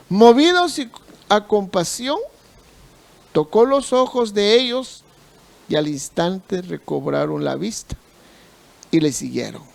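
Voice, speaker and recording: Male pastor, sermon, slow deliberate delivery, repetitive emphatic phrasing, gravelly. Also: sits high, darkish tone.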